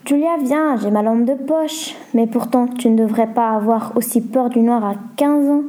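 A woman's voice: a little high, moderate pace, warm tone, natural voice. A woman reading a storybook aloud, voicing an anxious seventeen-year-old boy who stutters. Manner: stuttering, urgent.

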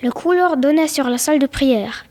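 A woman's voice: high voice, normal speed, darkish tone. A woman reading a short storybook tale aloud, telling it plainly and now and then stumbling or repeating a word.

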